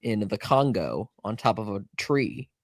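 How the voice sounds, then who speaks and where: A man's voice: fairly low pitch, lively intonation, unhurried, dry recording, clean studio sound. A man co-hosting a casual sports podcast from his bedroom, congested with a cold and rambling with self-mocking humor. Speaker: podcast co-host. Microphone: home setup in bed on video call.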